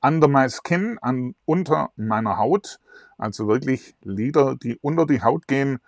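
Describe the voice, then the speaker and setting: A middle-aged man hosts an online interview in a chatty, filler-heavy way. His voice sits at a middling pitch and is recorded close and dry on a lapel mic. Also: lively intonation, unhurried, darkish tone, no echo. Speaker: host. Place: indoors in front of a virtual backdrop.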